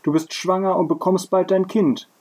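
A man doing a croaky boy playing Joseph. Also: high voice, fairly even intonation, moderate pace, darkish tone, pitched above the performer's own voice. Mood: pleading. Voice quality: croaky, hoarse.

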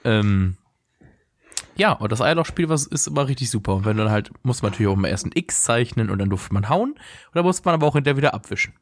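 A man's voice: mid-range voice, lively intonation, fast talker, dry recording. A man co-hosting a casual podcast with dry, teasing humor. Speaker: podcast co-host.

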